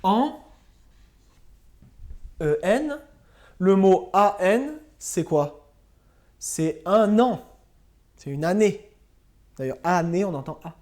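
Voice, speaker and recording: A woman teacher giving a slow, patient spelling and grammar lesson to young pupils, spelling words out letter by letter. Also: lowish voice, animated, a little mellow. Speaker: primary school teacher.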